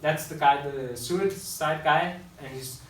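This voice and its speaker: His voice sits on the high side, somewhat bright, and he takes his time. The man, a school teacher who also speaks publicly, is talking loosely to an audience in a room and keeps correcting himself, heard from a distance in an echoey room with faint hiss.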